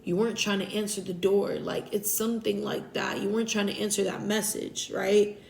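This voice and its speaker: A woman's voice: mid-range voice, normal speed, creaky, reverberant, a little hiss or hum, rough recording. Stuffy-nosed woman giving a casual tarot reading. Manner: relaxed, rambling, self-correcting. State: stuffy nose. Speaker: tarot reader.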